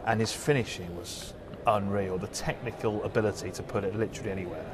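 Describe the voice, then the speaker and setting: A man's voice: on the low side, fast. A man working as a sports reporter, putting conversational questions in an interview. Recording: noisy location ambience.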